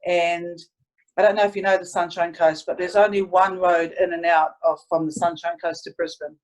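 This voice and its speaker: Earnest Antipodean woman, even-toned. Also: on the low side, normal speed, rough recording. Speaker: interviewee, sports team staff member. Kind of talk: casual storytelling interview.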